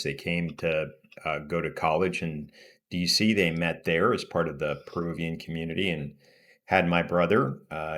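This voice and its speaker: A man's voice: low-pitched, fairly bright tone. A middle-aged man born in Peru, a podcast guest talking reflectively with many restarts and fillers. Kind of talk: casual interview conversation.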